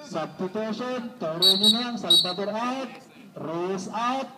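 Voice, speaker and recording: A man's voice: high voice, takes it slowly. A man from the Visayas announcing an amateur basketball game, polite and joking with players and coaches. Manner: polite, joking, says sir and po. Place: indoor basketball court. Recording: echoey gym PA from far off. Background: loud crowd and game noise.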